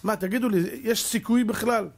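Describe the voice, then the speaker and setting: A middle-aged man, a rabbi giving a dramatic lecture full of rhetorical questions, jumping between loud exclamations and hushed asides. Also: sits high, creaky. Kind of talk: animated Torah lecture.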